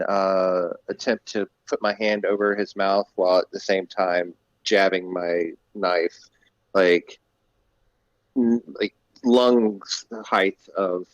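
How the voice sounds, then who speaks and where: A man talking hesitantly and deliberately as a player in a casual tabletop game. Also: deep voice, no echo, dull audio.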